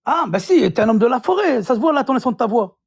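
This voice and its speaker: A man's voice: very high-pitched, big pitch swings, fast, breathy edge, no room sound, studio quality. A man calling into a live debate stream, talking in a mocking, taunting, insulting way. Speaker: caller.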